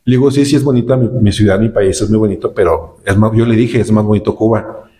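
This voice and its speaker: Lowish-voiced northern Mexican man, rambling. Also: steady tone, fast talker, mellow. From Nuevo León, Mexico. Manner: rambling, repeats words, frequent "este" fillers. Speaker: vlogger recounting a trip. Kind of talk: casual storytelling.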